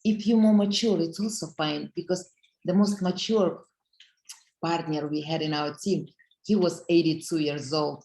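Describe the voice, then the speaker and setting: Low gravelly woman with Russian accent. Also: steady tone, measured pace, darkish tone, echoey room, low-quality recording. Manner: earnest, encouraging, slightly broken English. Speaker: business leader speaking on a team call. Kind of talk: motivational talk.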